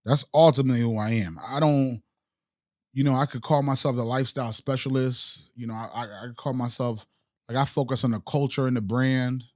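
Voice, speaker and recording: This Haitian-born entrepreneur, raised in the United States, chats casually as a podcast guest, musing in street slang and frequently starting over. The voice is medium in pitch, brisk, and darkish, with fairly even intonation and echo-free studio quality.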